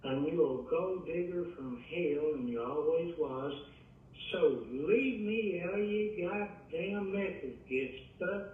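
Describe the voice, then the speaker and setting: Man's angry, cursing voicemail, phone-thin and slow, played back in an echoey room. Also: high voice, far from the mic, phone-quality sound. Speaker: caller leaving a voicemail.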